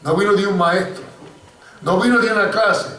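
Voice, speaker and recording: A man's voice: sits high, moderate pace. A man preaching a sermon as pastor, telling a story and often calling to his listeners as brothers. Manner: animated preaching, addressing listeners as hermano. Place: church hall. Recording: echoey church recording from far off.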